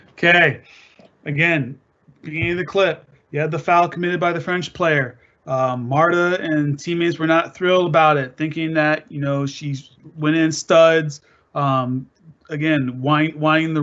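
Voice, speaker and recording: Higher-voiced man coaching referees. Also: a bit bright, lo-fi sound. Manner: conversational, asks rhetorical questions, restarts often. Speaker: soccer referee instructor. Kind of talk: narrated video presentation for referees.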